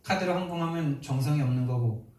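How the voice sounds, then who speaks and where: Brief: male pastor, fairly high voice, emphatic sermon delivery, far from the mic in a roomy echoing church. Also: fast, darkish tone. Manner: emphatic, rhetorical questions to the congregation. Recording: echoey hall from far off.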